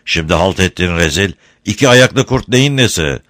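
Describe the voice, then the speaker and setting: Bossy old-time gendarme captain, loud and commanding, as a narrator puts him on. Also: male voice, low-pitched, expressive, normal speed, dry recording, clean studio sound. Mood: barking. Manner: barking, commanding. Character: gruff Ottoman gendarme captain, bossy, quick-tempered.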